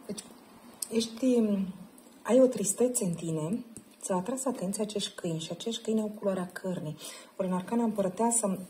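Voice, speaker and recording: A woman guiding a participant through a tarot card reading, gentle and probing, often checking in with a short question. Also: mid-range voice, slight background noise. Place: group session at a camp.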